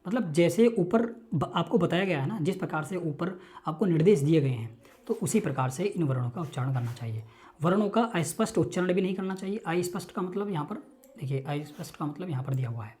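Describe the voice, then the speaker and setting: A woman teaching Sanskrit in an online lecture, explaining a text slowly, repeating terms and checking that listeners follow. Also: fairly low pitch, lively intonation, warm tone.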